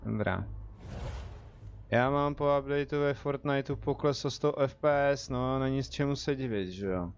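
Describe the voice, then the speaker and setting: A man's voice: mid-range voice, clear, resonant tone, highs cut off. A young man with a Czech accent, chatting casually as he streams a game and jokes with his viewers. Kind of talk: casual live gameplay commentary.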